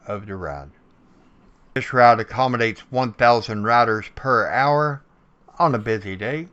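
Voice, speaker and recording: A man's voice: mid-range voice, clear, resonant tone, lo-fi sound. A man narrating a scripted promotional video as its host.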